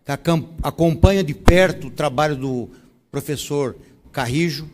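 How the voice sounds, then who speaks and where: A man who serves as a state legislator gives a formal address. His voice sits a little high, and he speaks in a measured, oratorical way. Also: a little mellow. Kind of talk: formal ceremonial speech. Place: council chamber.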